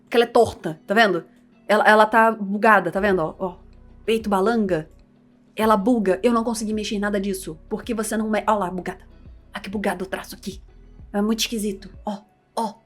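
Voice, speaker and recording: A woman's voice: mid-range voice, fairly quick, soft background music. Chatty Carioca woman vlogging. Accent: Carioca Portuguese. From Rio de Janeiro, Brazil. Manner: animated, chatty, self-deprecating. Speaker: VTuber and content creator. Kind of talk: casual vlog talk.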